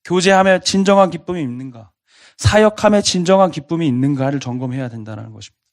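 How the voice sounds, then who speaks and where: A man's voice: a little high, lively intonation, fast. Earnest man preaching a sermon. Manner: earnest, asks the congregation repeated questions. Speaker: pastor.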